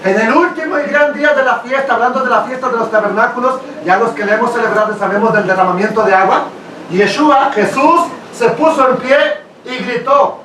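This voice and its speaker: A man preaching a sermon, animated, often questioning his congregation and laughing. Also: very high voice, fairly quick, slight background noise. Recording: echoey room, mic at a distance.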